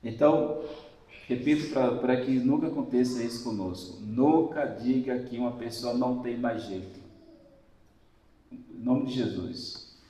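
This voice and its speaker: Brazilian priest preaching in echoey church. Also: male voice, mid-range voice, measured pace, warm tone, far from the mic, slight background noise. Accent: Brazilian Portuguese. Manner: emphatic, repetitive exhortation addressing listeners directly. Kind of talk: Sunday homily.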